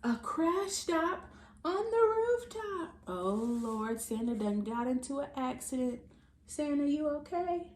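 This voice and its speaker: An American woman with a high-sitting voice reads to young children at a slow pace. She's animated and theatrical, talks straight to her listeners, and exaggerates the silly sound words. The recording is echoey with light background noise.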